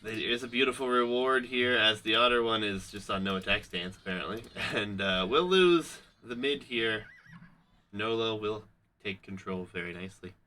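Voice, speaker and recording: A man's voice: fairly low pitch, moderate pace, pushed and bright. A man casting a live strategy game tournament, upbeat and hype-building. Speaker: caster.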